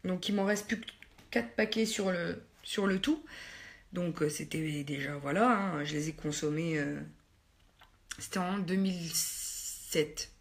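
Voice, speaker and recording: A woman talks casually through her makeup routine for a vlog. Her speech wanders, full of fillers and restarts. She teases herself in quick asides to her viewers. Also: on the low side. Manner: chatty, hesitant with many fillers, self-mocking asides to viewers. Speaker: beauty vlogger. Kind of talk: casual get-ready-with-me makeup chat.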